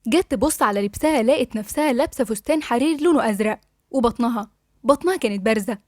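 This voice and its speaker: A woman with an Egyptian accent narrating a novel in a steady, flowing storytelling manner. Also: on the high side, fast, no echo, studio quality.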